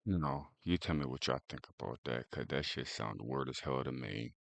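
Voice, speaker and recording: Deep gravelly dude reacting to tiktoks, laid back, cussing, dry close sound. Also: male voice, normal speed, fairly bright tone, dry recording. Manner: loose, profane, laid-back. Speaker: reaction video host. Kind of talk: casual reaction commentary.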